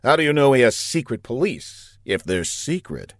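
A man's voice: medium pitch, very animated, moderate pace, dry recording, studio quality. A man playing a dim-witted, boastful male hero who talks in a naive, self-satisfied way.

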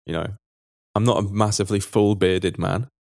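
A man with a low voice jokes on a podcast. His delivery is dry and playful, and the recording is close, with no room echo. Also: steady tone, normal speed, vocal fry, a little mellow. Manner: joking, dry punning banter. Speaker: podcast co-host. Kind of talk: casual podcast banter.

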